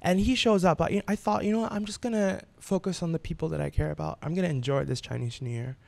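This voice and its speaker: A young man in his late twenties appears as a podcast guest and shares a personal story candidly and at a quick pace, repeating words and restarting sentences when moved. His voice is a little high with a gravelly edge, and the sound is dry, close, and echo-free.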